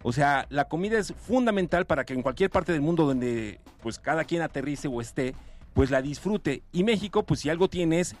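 A man's voice: fairly high pitch, expressive, normal speed. A man with a Mexican accent hosting a morning radio show from a studio, chatting in a rambling way with frequent restarts. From Puebla, Mexico. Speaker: radio host. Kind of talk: casual morning radio banter.

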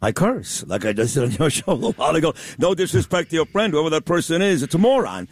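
A man's voice: on the high side, sing-song, quick pace, no echo. A man from Brooklyn with a Brooklyn accent, talking bluntly and brashly off the cuff as a talk radio personality. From Brooklyn, New York. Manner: blunt, plain-spoken, brash. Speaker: radio talk show host appearing as guest.

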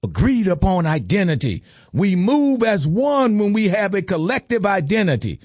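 A man's voice: sits high, big pitch swings, moderate pace, darkish tone, no room sound, studio quality. A man giving an impassioned lecture, stressing lists and asking rhetorical questions.

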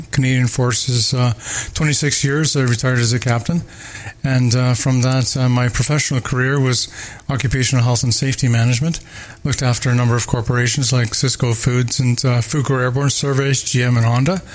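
An older man from Barbados, a mayoral candidate, answering interview questions with many pauses, fillers and restarts. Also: medium pitch.

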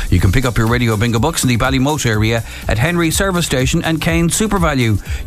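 An Irish man working as a radio bingo caller, calling numbers digit by digit and then whole. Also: fairly high pitch. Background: music bed.

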